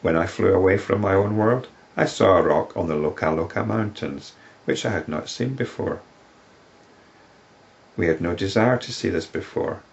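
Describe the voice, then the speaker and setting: A man's voice: deep voice, moderate pace, gravelly, highs cut off. A man reading as an imploring woman seeker. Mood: pleading. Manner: earnest, imploring recitation. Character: pleading woman seeker from a sacred text.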